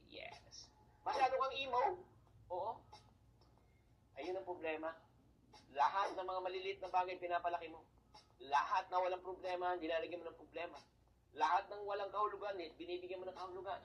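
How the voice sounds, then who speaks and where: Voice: mid-range voice, fairly bright tone, poor audio. A motivational speaker with a Filipino accent, switching between Tagalog and English, asking rhetorical questions and then answering them. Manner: checks in with the listener as if chatting. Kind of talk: motivational talk.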